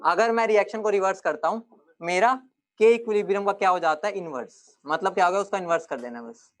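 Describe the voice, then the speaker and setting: A man's voice: sits high, brisk, fairly bright tone. A young male teacher giving a classroom lecture, joking with his students and then firmly explaining points.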